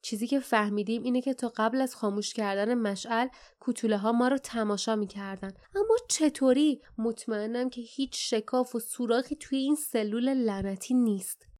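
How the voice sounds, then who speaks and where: A woman's voice: on the high side, darkish tone, natural voice. A woman voicing a fierce, impatient young woman fighter who talks sharply and insistently.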